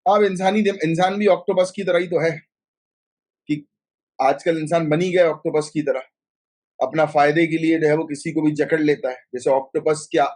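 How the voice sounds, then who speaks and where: A man teaching a live online exam-prep class, speaking Hindi with a north Indian accent, mixing in English terms and asking students quick questions. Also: a little high, darkish tone. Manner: chatty, mixes Hindi with English terms, many fillers.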